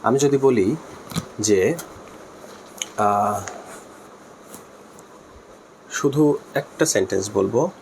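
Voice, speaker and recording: A man with a Bangladeshi accent who teaches a linguistics lesson, explaining slowly, repeating key terms, spelling words aloud and mixing in English terms. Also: on the low side, lively intonation, vocal fry, a little mellow, a little hiss or hum. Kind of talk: spoken lesson.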